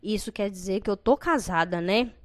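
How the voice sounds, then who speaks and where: A woman voicing a greedy, desperate middle-aged bride who pleads loudly and theatrically. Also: medium pitch, moderate pace, dry recording, natural voice. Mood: insistent.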